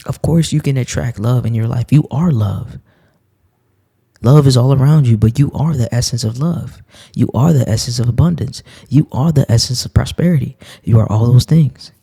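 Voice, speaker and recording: A man with a gravelly, husky voice gives a motivational spiritual talk. He speaks earnestly and reflectively, circling back to the same phrases to drive his point home. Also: mid-range voice, warm tone. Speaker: spiritual vlogger reading cards.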